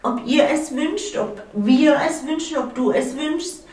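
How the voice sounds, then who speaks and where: A middle-aged woman hosts a calm spiritual chat in a gentle, drawn-out way, pausing often. Her voice sits fairly high. She is heard from a distant mic in a roomy space. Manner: gentle, unhurried, with many pauses and hesitations. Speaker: host. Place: living-room studio with wall hangings. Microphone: far camera.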